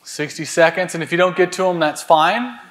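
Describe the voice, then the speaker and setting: A man's voice: high-pitched, normal speed. A man leading a live sales training in a room with an audience, urging people to speed up and cracking crude jokes. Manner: loud, urgent commands to hurry; crude, joking asides. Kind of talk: live seminar coaching.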